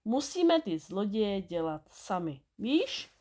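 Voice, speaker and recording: A woman reading a storybook aloud and voicing a bossy, quick schoolgirl who scolds her friend. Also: mid-range voice, big pitch swings, warm tone, slight background noise, close to an everyday voice. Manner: brisk and scolding.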